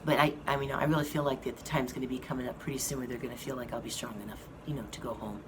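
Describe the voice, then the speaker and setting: A vlogger with a hoarse bass voice speaks in a steady tone as she updates viewers on her health from a hospital rehab room. Her speech comes slowly and haltingly, packed with fillers, and the room is noisy with an air conditioning fan's hum.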